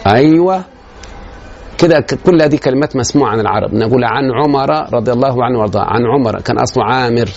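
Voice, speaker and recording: A man's voice: mid-range voice, fast talker, creaky, a little mellow, muffled recording. A man with an Egyptian Arabic accent giving a grammar lecture to a class. He explains step by step and keeps checking that his students follow.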